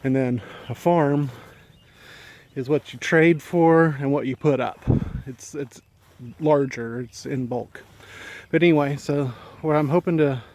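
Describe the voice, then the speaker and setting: A man's voice: fairly high pitch, measured pace, darkish tone. A man giving a meandering, easygoing tour of his rural property while talking, a little out of breath. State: slightly out of breath. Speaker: homesteading vlogger. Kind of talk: casual walking tour chat.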